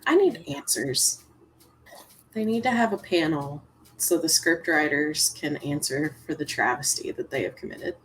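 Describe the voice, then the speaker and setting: A woman's voice: low-pitched, lively intonation, measured pace, a little hiss or hum, poor audio. A woman joining a movie reaction over a video call, making dry, mocking remarks. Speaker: co-host guest.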